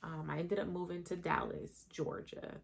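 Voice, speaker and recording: Woman in her 30s, low gravelly voice, just talking real openly about her life. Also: fairly even intonation, normal speed. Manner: candid, emotional, conversational retelling. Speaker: vlogger. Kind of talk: personal storytime.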